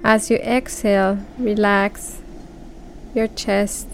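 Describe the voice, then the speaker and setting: A woman guiding a relaxation breathing exercise, speaking calmly and counting breaths aloud with long pauses. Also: medium pitch, gravelly, faint music behind, low-quality recording. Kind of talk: guided relaxation script.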